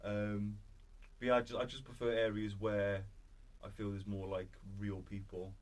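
A man's voice: fairly low pitch, level tone, normal speed. A man with a Cardiff accent in casual, slangy chat as an interview guest, often repeating his phrases. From Cardiff, Wales.

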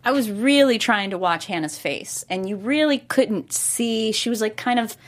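A woman's voice: a little high, expressive, moderate pace. Chatty woman hosting a review show. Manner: chatty, rambling with restarts. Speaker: host. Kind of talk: casual review chat.

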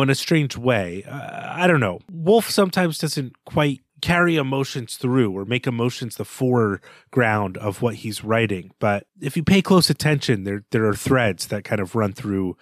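This man's mid-range voice has lively intonation and a moderate pace. As co-host of a casual book podcast, he considers a novel carefully, hedging and restarting often. The studio-quality recording is dry.

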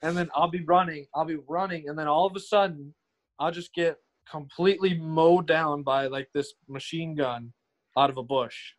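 A young man chatting casually as a podcast guest, rambling and halting, often repeating himself. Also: fairly high pitch, fairly even intonation. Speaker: guest streamer.

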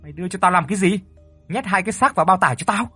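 A man's voice: medium pitch, animated, a little fast, fairly bright tone, slightly rough, no echo, faint music behind. A man voicing an angry, cruel older male landlord who barks bullying orders at his servants. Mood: furious.

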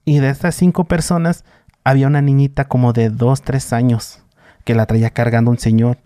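A man's voice: medium pitch, level tone, normal speed, mellow, no echo, studio quality. A young man with a Mexican accent recounting a personal story in a casual chat, full of fillers. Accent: Mexican Spanish. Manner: many fillers, vivid retelling. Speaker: guest.

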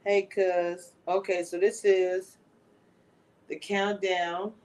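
Over a rough recording, a livestream host in her forties talks to her viewers in a chatty, drawn-out way. Her voice sits on the low side, with a flat delivery and a darkish tone.

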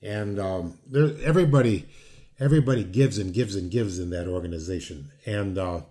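Sitting low and dark in tone, the voice belongs to a sixtysomething man who used to wrestle and now hosts a podcast. At a moderate pace, he chats casually with his guest, wandering through many fillers and restarts.

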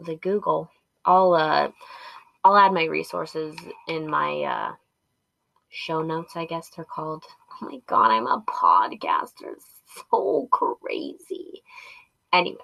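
Female podcast host, unhurried and informal, rambling and self-deprecating, recorded dry inside a closet. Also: fairly low pitch, creaky, no room sound, muffled recording. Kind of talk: casual solo podcast chat.

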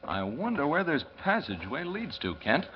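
Batman, serious, animated radio hero. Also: fairly high pitch, normal speed, slight background noise. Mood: concerned. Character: brisk, serious male crime-fighting hero. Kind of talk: 1940s radio drama acting. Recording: dull vintage radio recording, faint music.

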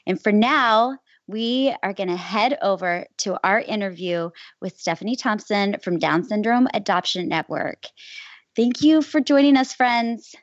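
Female podcast host, casual announcements, excited and emphatic, mid pitch, dry muffled recording. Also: measured pace, no echo. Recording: dull, slightly lo-fi close recording.

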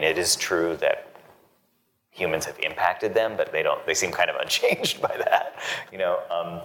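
Very low-pitched man moderating a discussion. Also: a bit bright, a little hiss or hum. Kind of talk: thoughtful conversational moderating.

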